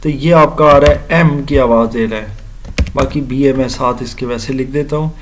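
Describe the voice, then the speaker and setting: A man teaching an English grammar lesson, explaining slowly, spelling out letters and repeating words for his students. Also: medium pitch, fairly even intonation, a little hiss or hum. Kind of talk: recorded grammar lecture.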